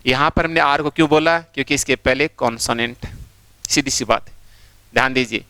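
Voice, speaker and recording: A man's voice: mid-range voice, fairly quick, pushed and bright, smooth, dry recording. A male teacher giving a step-by-step phonetics lesson, repeating sounds and often asking students to pay attention. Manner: repetitive, explains step by step, keeps urging attention.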